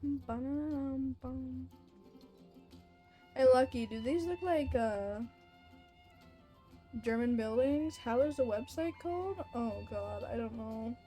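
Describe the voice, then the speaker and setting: As she plays a game on a livestream, a young woman streamer chats casually and hesitantly, rambling a little with faint game music behind her. Her high voice is warm, slow, and full of frequent pauses.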